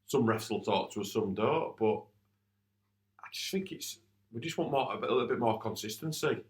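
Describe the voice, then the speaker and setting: Low-voiced man venting about refs. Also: animated, moderate pace. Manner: plain-spoken, frustrated, many restarts. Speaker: futsal coach and podcast co-host. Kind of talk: casual podcast chat.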